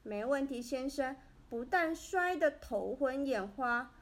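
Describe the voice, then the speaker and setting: A woman narrating a children's story in a gentle, expressive way. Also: high-pitched, takes it slowly.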